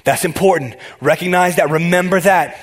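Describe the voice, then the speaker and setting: A male pastor delivers a casual, conversational sermon in a notably high voice. He is excitable and speaks directly to his listeners, often stumbling and restarting his sentences as he gets carried along. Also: normal speed. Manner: excitable, talks straight to the congregation with frequent restarts.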